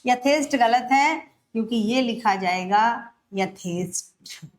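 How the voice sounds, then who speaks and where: A woman teaching Hindi grammar for an exam, explaining step by step and repeating words slowly. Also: high voice. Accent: Rajasthani Hindi. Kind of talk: exam-prep grammar lesson.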